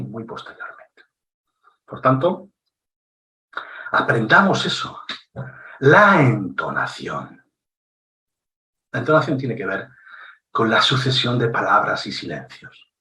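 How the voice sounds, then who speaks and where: A man's voice: mid-range voice, sharp tone. Emphatic Spanish man teaching, roomy echo. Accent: Spanish from Spain. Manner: deliberate, emphatic, varies intonation and pace for effect. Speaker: speaker on public speaking. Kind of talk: instructive talk with dramatic pauses. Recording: roomy echo, somewhat distant mic.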